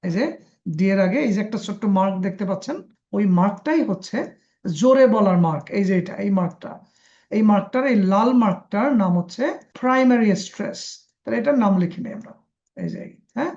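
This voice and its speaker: A man's voice: sits high, brisk, darkish tone. A man from Bangladesh teaching an English pronunciation webinar. He mixes English terms into his explanations. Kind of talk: live webinar lesson. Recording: dull lo-fi webinar audio.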